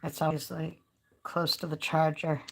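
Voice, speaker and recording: A woman's voice: low-pitched, level tone, moderate pace, vocal fry. A woman chatting casually on a live stream and talking straight to her viewers in a folksy, easygoing way. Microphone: phone.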